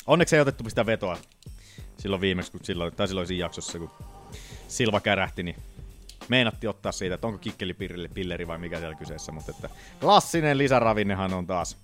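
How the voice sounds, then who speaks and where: A man co-hosting a podcast in casual chat, animated and swearing freely as he tells stories with acted-out voices. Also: sits low, soft background music. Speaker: podcast co-host.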